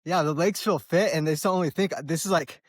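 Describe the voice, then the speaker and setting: A man's voice: a little high, fairly even intonation, brisk, no echo, clean studio sound. An American man in his early forties chats casually and ramblingly for a vlog while running outdoors on a trail, in a laid-back, slangy way. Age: early 40s. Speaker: trail runner vlogging.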